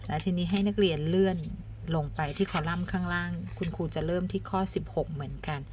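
A woman teacher talking students through arithmetic step by step, counting aloud and adding soft polite particles. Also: lowish voice, fast talker, slight background noise. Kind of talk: step-by-step math lesson.

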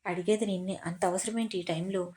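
A woman's voice: fairly low pitch, fairly even intonation, fast, mellow, natural voice. A woman voicing a hot-tempered, protective young male businessman who scolds harshly in an audio story. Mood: angry scolding.

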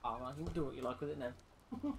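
A woman's voice: a bass voice, a little fast, a little hiss or hum. A woman hosting a casual gaming video, chatting and trading jokey, teasing banter with her co-player. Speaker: gaming channel host. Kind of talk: casual gameplay commentary.

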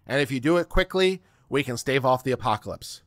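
The same middle-aged livestream host on legal commentary reads aloud in a declamatory, emphatic, dramatic style, his medium-pitched voice animated, brisk and slightly bright. A desk microphone sits close to his mouth in a dry, close home studio room, leaving no room sound.

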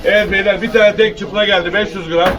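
Male fish auctioneer, high voice, repetitive price calling, recorded at a distance. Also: steady tone, brisk. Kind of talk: auctioneer calling lots and bids. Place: busy fish auction hall. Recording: distant mic amid crowd chatter. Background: crowd of buyers.

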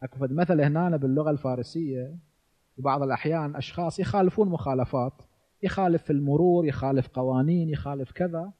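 A man's voice: fairly high pitch, quick pace, muffled recording. A man in his forties with an Iraqi Arabic accent, giving a religious lecture and asking rhetorical questions that he answers himself. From Iraq. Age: 40s. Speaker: cleric lecturer.

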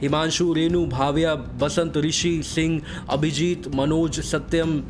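A man hosting a casual live game stream, voice hoarse from a sore throat, greeting viewers by name in a breezy, joking way. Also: fairly high pitch, steady tone, takes it slowly, music in the background.

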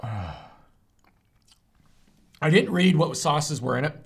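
A man talks through a casual food review vlog with his mouth burning from hot sauce. His voice sits a bit high and swings widely in pitch as he gasps and groans at the heat. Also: slow pace, vocal fry, husky. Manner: animated, groaning and gasping from the heat.

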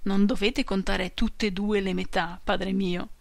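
A woman voicing a grown son who gently corrects his old father's sums. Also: medium pitch, fairly even intonation, unhurried, vocal fry, dry recording. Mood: patient.

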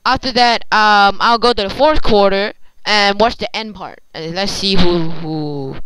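A young male sports fan reacting casually to a game with excitable exclamations. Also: high-pitched, measured pace, noisy background. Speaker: reaction video host. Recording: broadcast audio playing behind.

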